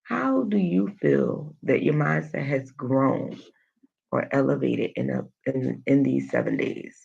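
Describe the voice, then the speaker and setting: A woman coaches her livestream audience in a heavily gravelly, slow-paced voice. She speaks emphatically and repeats phrases to drive them home. The audio is a little dull and lo-fi. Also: rumbling low, a little mellow. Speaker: host of a motivational livestream, coach. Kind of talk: motivational livestream talk, reading and answering comments.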